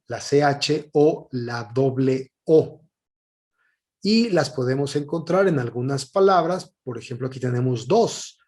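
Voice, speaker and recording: Slow, patient teacher, man. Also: mid-range voice, a little mellow. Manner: patient, explanatory, with frequent "eh" pauses. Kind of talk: recorded classroom lesson.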